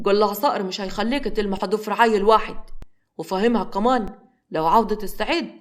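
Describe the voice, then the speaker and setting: A woman's voice: medium pitch, quick pace, lightly acted. A woman voicing a stern, angry grown man in a story reading.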